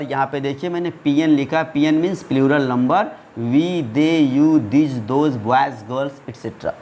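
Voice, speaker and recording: A man's voice: on the high side, a little hiss or hum. A man teaching an English grammar lesson, asking and answering his own questions and drawing out the example words. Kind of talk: classroom-style grammar lesson.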